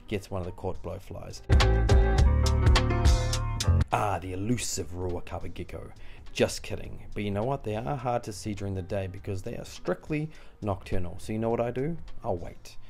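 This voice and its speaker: A young man with a low, darkish voice narrates a wildlife vlog as an enthusiastic gecko keeper. He's emphatic and playful, and he tends to repeat himself.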